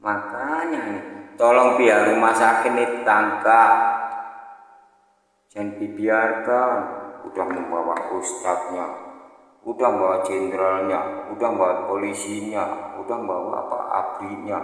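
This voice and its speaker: A man rants and scolds in a casual live-stream chat, often breaking off and restarting his words. His voice sits a little low. It rings through a hard, echoey room with a long, lingering reverb. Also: fairly even intonation, unhurried, a bit bright. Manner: ranting, scolding.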